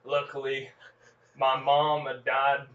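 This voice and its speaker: A man's voice: mid-range voice, monotone, takes it slowly, fairly bright tone. A man doing a folksy Old West farm boy. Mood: earnest folksy. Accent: exaggerated Old West drawl. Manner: folksy rambling yarn with gasps and exclamations. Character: young frontier farm boy telling a tall tale. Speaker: podcast host. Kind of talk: comedic improvised storytelling. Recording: echoey, lo-fi, distant mic.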